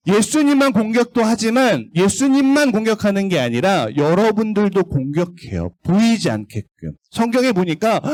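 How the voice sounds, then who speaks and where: Lively high-voiced man preaching to children. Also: no room sound. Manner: animated, asks the children questions and has them read along. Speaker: children's pastor. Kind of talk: children's sermon. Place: church service for young children.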